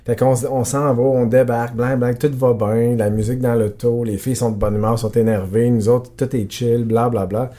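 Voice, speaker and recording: A man with a Quebec French accent co-hosting a podcast, telling a story in casual, animated chat, with stammered restarts and English words mixed in. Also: medium pitch, a little fast, hardly any pauses. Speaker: podcast co-host.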